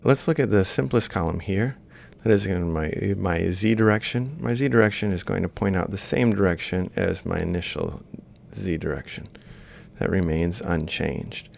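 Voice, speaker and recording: A university lecturer with a low, creaky, darkish voice speaks at normal speed during an instructional lecture captured on screen. As he writes, he thinks aloud, explaining each step and reading off values in pieces.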